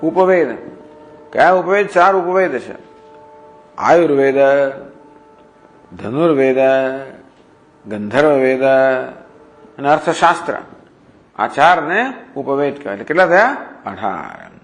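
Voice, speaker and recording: A man's voice: fairly high pitch, sing-song, unhurried, pauses often, soft background music. A man giving a scripture discourse, reciting Sanskrit verses and then explaining them point by point, asking questions and answering them himself. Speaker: scripture teacher.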